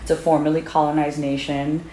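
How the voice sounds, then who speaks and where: A woman from Sri Lanka speaks earnestly and with personal emphasis, her voice set very low. The recording carries a roomy echo and faint background hiss. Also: little pitch movement, a little fast, mellow. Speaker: interviewee, doctor. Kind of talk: interview.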